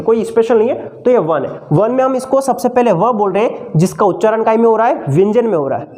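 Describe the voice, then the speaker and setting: A man's voice: high voice, darkish tone. A male teacher giving an exam-prep grammar lesson, who keeps asking his students questions, answers them himself, and fondly calls them "son".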